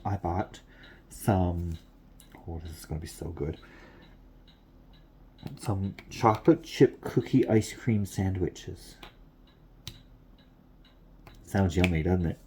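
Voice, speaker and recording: A craft vlogger with a congested, low, dark-toned voice chats casually to the camera at home at night with a lamp on. He rambles and repeats himself, and there's a little hiss or hum in the background.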